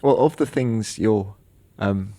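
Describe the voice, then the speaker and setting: A man's voice: fairly low pitch, takes it slowly, dark tone, no echo. A man hosting a podcast, friendly and upbeat as he interviews and signs off. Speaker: podcast host. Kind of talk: podcast interview and scripted outro.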